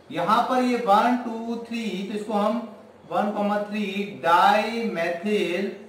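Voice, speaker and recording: High-voiced man teaching in an echoey room. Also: slight background noise. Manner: counts aloud and quizzes the class, then answers himself. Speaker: chemistry teacher. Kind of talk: classroom lecture. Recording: very echoey room, voice far from the mic.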